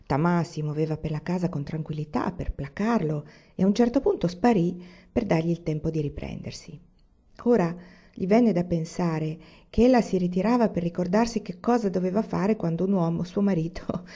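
A woman reads a novel aloud in a calm, measured audiobook style. Her voice is dark and mellow, and the recording sounds dull and lo-fi. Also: on the low side. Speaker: reader.

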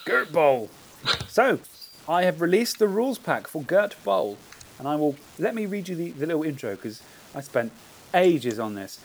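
A man hosting a casual podcast, chatting in an animated way and explaining things at length. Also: on the high side, normal speed, a little hiss or hum, poor audio. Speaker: podcast host.

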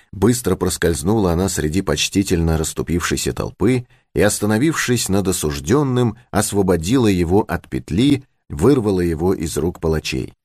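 Deep-voiced expressive male narrator. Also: slightly rough, no echo, studio quality. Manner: expressive storytelling. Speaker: audiobook narrator. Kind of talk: scripted narration.

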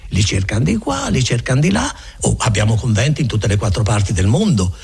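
Man doing a kindly friar, garrulous, self-assured, lively pitch, husky. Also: a little fast, full character voice. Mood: rambling. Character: chatty, kindly male friar, rambling.

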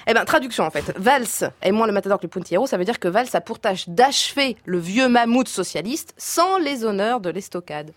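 A woman's voice: mid-range voice, expressive, brisk, few pauses, dry recording. A woman giving a humorous press review on the radio, mock-serious and chatty, with playful asides. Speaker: radio columnist. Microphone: studio microphone.

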